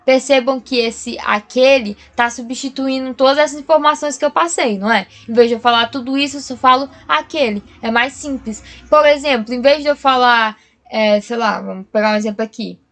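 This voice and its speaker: A woman's voice: sits high, fairly quick. A woman teacher giving a recorded grammar lesson, explaining patiently step by step and often checking in with her pupils.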